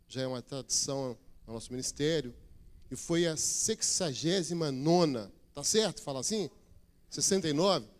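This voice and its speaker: A man's voice: medium pitch, darkish tone. A man, a regional pastor, makes church announcements in a chatty, joking manner and rises to emphatic preaching.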